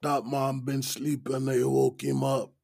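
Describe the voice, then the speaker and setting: A laid-back old inmate in his sixties, played by a man, with a thick Gullah Geechee accent and a deep, raspy voice. He drawls slowly through gravel and fry, close and dry in an audio drama. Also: completely flat delivery, darkish tone, dry recording. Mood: easygoing. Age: 60s. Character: older male inmate, laid-back smoker.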